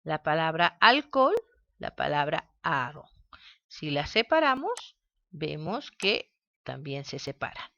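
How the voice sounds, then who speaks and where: A woman teaching a grammar lesson, speaking slowly and spelling words out syllable by syllable. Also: low-pitched, big pitch swings, vocal fry, pushed and bright, no echo, lo-fi sound. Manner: slow, deliberate, spells out syllables.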